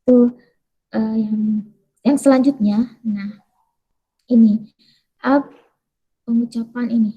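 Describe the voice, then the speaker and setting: A woman teaching an English pronunciation lesson in a casual, chatty way, asking questions and then answering them herself while repeating words slowly. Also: on the high side, steady tone, slightly rough, phone-quality sound.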